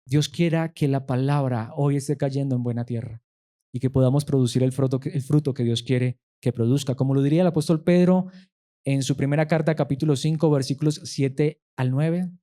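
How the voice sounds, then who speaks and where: A man's voice: medium pitch, a little fast, dark tone. A man pastor, preaching a sermon emphatically and asking his listeners rhetorical questions.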